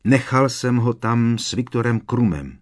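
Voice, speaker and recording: A man's voice: mid-range voice, expressive, voice pushed up, lightly acted. A man voicing an anxious teenage schoolboy who talks urgently and pleads in a raised voice in an audiobook. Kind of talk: audiobook character voice.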